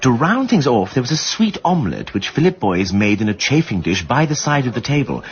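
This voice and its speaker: Playing a well-bred, insistent amateur sleuth on British radio drama, this male actor uses a plummy, upper-class English accent and a drily witty style. His mid-range voice is very animated and a little fast, lightly acted in a measured recounting. The highs are cut off.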